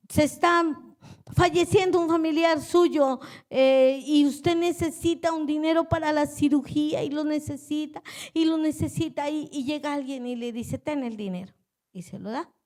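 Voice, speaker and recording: A woman's voice: high-pitched, normal speed, a little mellow. A woman pastor preaching a sermon earnestly, repeating her phrases and putting questions straight to her listeners.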